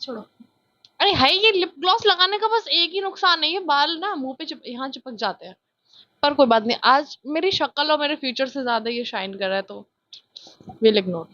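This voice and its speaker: A young woman from India with a childlike voice, chatting loudly and excitably through a casual vlog, filmed on a phone on a tripod. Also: sits high, normal speed, dry recording, lo-fi sound. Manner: chatty, self-mocking, loud and excitable. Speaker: vlogger.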